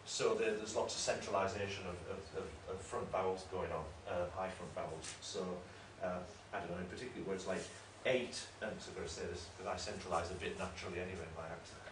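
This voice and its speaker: A man's voice: low-pitched, fairly even intonation, quick pace, few pauses. A man giving an academic lecture in a discursive, explanatory way, often correcting himself. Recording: roomy room, mic at a distance, faint noise.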